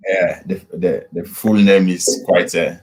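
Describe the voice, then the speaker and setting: A middle-aged Nigerian pastor with a low, husky, steady voice tells his story as a guest over a video call. The casual interview storytelling is unhurried, with frequent fillers and restarts.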